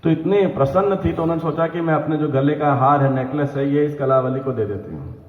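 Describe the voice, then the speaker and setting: A man with a somewhat high voice narrates a devotional story to pilgrims, checking in with his listeners as he goes. The recording rings with a long hall reverb and sounds tinny and phone-like. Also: fairly quick. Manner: narrates devotional stories with quoted dialogue, frequent "है ना?". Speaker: pilgrimage guide. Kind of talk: storytelling lecture. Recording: echoey hall over a tinny phone-like line.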